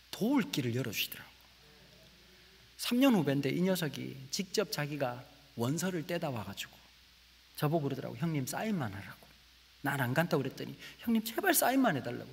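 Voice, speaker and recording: Man, Gyeongsang accent, preaching a testimony, lively pitch, slightly husky, loud bursts and quiet asides, church hall echo. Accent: Gyeongsang Korean. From Gyeongsang region, Korea. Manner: animated storytelling, swings between loud exclamations and hushed asides. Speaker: guest preacher. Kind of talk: sermon with personal testimony. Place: church sanctuary. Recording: church hall with long reverb.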